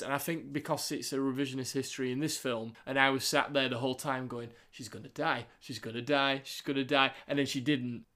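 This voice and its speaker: A man's voice: mid-range voice, a bit bright. A man with a Northern English accent hosting a film podcast in an informal, jokey, sweary chat style. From England. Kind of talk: casual chat.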